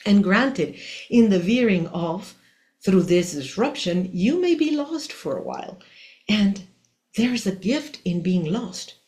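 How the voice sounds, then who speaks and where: Her mid-range voice is a little mellow, with lively intonation, and she takes her time. This woman in her sixties, who has an Argentine Spanish accent, is a spiritual teacher and coach giving a reflective motivational monologue on her podcast, speaking earnestly and emphatically and often posing rhetorical questions.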